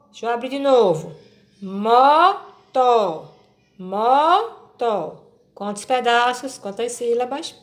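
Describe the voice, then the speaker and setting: A woman teacher with a Brazilian Portuguese accent, patiently explaining a children's worksheet and sounding out syllables slowly. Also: on the high side.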